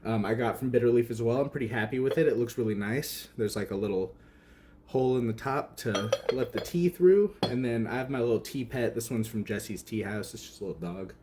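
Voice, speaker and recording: A man's voice: medium pitch, brisk, a little mellow, a little hiss or hum. A young man hosting a tea channel, chatting casually and hesitantly with many fillers while he demonstrates.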